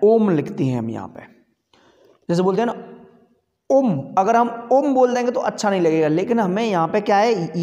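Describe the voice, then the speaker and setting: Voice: medium pitch, a little mellow, in a large hall, lo-fi sound. A teacher giving a Sanskrit grammar lesson, explaining step by step, asking the class questions and answering them, and stretching out sounds to demonstrate.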